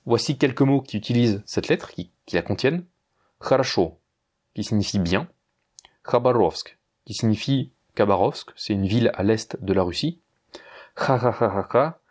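A man giving a casual pronunciation lesson, speaking slowly and repeating words carefully, addressing the listener informally. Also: fairly low pitch, expressive, a little mellow, breathy edge. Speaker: language teacher.

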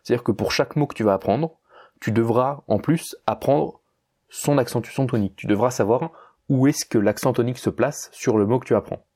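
A man's voice: medium pitch, fairly quick, warm tone, breathy edge. A man giving an informal spoken lesson, talking directly to the listener in a casual, friendly teaching manner with small fillers. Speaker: language teacher.

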